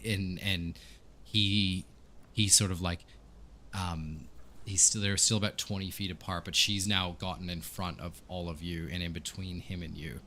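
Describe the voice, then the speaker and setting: A man's voice: deep voice, fairly even intonation, unhurried, sharp tone, a little hiss or hum. A man narrating as game master, rambling with many fillers and restarts.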